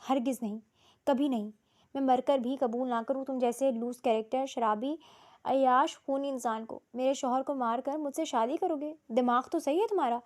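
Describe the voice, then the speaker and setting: A woman narrator voicing a grieving young widow who shouts tearful accusations. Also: high-pitched, close to an everyday voice. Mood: furious.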